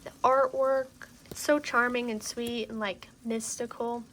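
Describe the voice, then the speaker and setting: A tarot deck collector shows her cards to the camera in a casual, gushing, rambling way, tossing in lots of "like" asides while a strong wind roars around her. Her voice is a little high and a bit bright, with fairly even intonation and an unhurried pace. The rough recording is full of windy, outdoor-like background noise.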